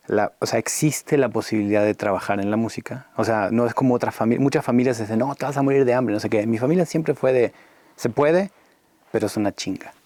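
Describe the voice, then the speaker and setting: A man's voice: fairly low pitch, mellow, no room sound. A man from Argentina, a guest musician, talking at length in a casual, rambling way with lots of restarts and slang. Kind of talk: conversational interview.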